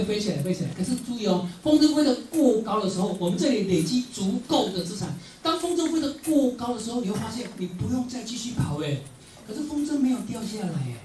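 Middle-aged Taiwanese motivational speaker, lively storyteller, laughs a lot, echoey hall from a distant mic. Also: male voice, high voice, a little hiss or hum. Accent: Taiwanese Mandarin. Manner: animated storyteller, often laughing, emphatic repetition. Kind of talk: motivational speech.

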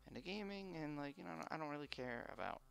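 A man livestreaming casually and haltingly, his voice muffled by a face mask. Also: on the high side, animated, vocal fry, fairly bright tone, soft background music. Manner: halting, hesitant, unpolished first-time streamer. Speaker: live streamer. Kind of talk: casual unscripted livestream chat.

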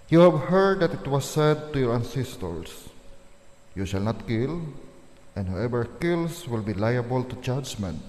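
A man, a priest proclaiming the Gospel at Mass in a slow, measured way that leans on key words, his voice ringing with cathedral echo in a large church. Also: mid-range voice, darkish tone. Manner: slow, measured liturgical reading with stressed words. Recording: echoey church with long reverb.

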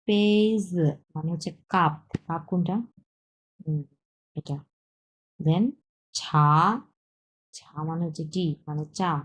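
A woman, her voice sitting a little low, teaches beginner Chinese. She walks through vocabulary patiently, repeating each word slowly and mixing in English terms as she explains. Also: warm tone, rough recording. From Bangladesh. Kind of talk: slow explanatory lesson with drilled pronunciation.

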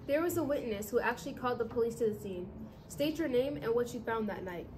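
A woman's voice: fairly high pitch, lively intonation, fast, a little mellow, a little hiss or hum, lightly acted. A woman playing a courtroom judge in a homemade drama, speaking in a formal, procedural way. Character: stern female courtroom judge.

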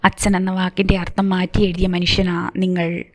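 Woman reading as a calm fatherly man. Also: lowish voice, normal speed, close to an everyday voice. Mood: reassuring.

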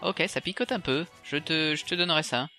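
A man's voice: on the high side, fairly quick. A man with a French accent casually commenting on his video game as he plays, reacting aloud and talking to the enemies. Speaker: video game let's player. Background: game music.

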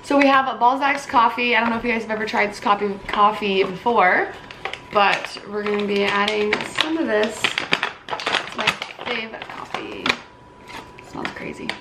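A woman's voice: medium pitch, moderate pace, background noise. A young woman chatting through a baking tutorial in her home kitchen, bubbly and casual, with lots of "like" and "um". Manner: bubbly, chatty, says "like" and "um" often. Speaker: baking vlogger.

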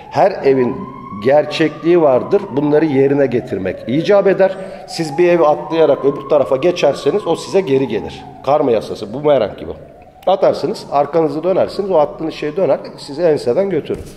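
A man's voice: medium pitch, warm tone. A man, an astrology teacher, gives an informal lecture in a rambling, colloquial and preachy way, often scolding his listeners. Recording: long reverb.

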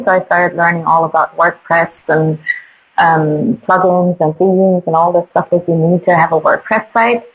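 Born in Colombia and raised in Germany, a young woman who coaches artists on business speaks in a casual interview. Her voice is fairly low, and she talks thoughtfully, hesitating with many ums. The recording is rough.

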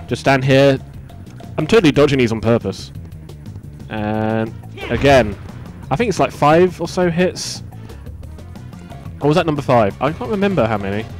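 A man giving casual, chatty gameplay commentary, getting excited and swearing now and then. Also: medium pitch. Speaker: let's play commentator.

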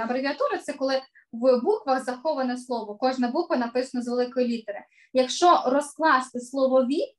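Emphatic high-voiced woman teaching online. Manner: clear, emphatic teacher delivery, stresses key words. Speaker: voice coach teaching an online class. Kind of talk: online lesson to children.

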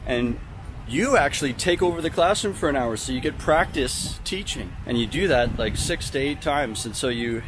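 A man in his thirties talking casually to a camera held at arm's length while walking through a city park. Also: mid-range voice. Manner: casual, chatty, explanatory. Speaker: travel vlogger and English teacher. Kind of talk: walking vlog talk to camera. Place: outdoors in a city park and temple grounds. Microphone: handheld camera at arm's length. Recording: outdoor city noise behind. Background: traffic and city ambience.

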